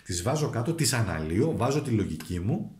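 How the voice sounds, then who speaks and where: A man doing a casual tarot reading, talking straight to his viewers with coaxing asides. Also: medium pitch. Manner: animated, addresses viewers directly with coaxing asides. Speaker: tarot reader. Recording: echoey room.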